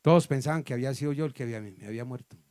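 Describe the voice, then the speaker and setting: A man with a Colombian accent, a pastor preaching a testimony, storytelling dramatically with sudden loud and soft turns. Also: medium pitch, racing, dry recording, clean studio sound. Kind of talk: sermon testimony. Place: church hall.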